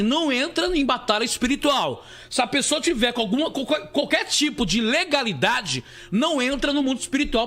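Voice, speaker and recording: Repeating himself and restarting again and again, a bishop with a Brazilian Portuguese accent gives his live preaching testimony and refers to his audience as "beloved." The voice is very high, pushed and bright.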